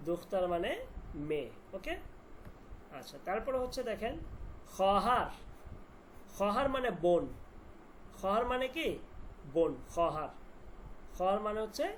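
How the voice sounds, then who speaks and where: Man, language teacher, online class, repeats and quizzes, faint noise behind. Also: high-pitched. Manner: repeats words and drills meanings with questions.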